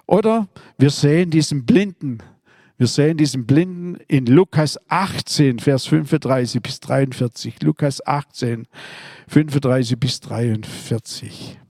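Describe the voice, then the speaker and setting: A man's voice: mid-range voice, a little slow, darkish tone, no echo, clean studio sound. A man preaching a sermon, earnestly retelling Bible stories. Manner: earnest, storytelling, with fillers and restarts.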